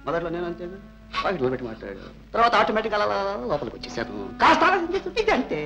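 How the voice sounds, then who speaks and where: A loud jealous bullying husband. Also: male voice, high voice, wildly swooping pitch, rapid-fire, gravelly, over music, heavily acted. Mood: taunting. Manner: taunting, shouting. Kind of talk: old film drama acting.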